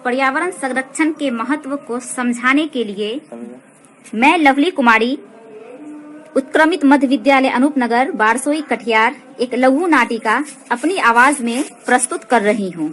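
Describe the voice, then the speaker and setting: A woman's voice: high voice, a little slow, fairly bright tone, slight background noise. A woman teacher formally introducing a short skit she performs herself. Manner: formal, announcing. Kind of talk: scripted narration.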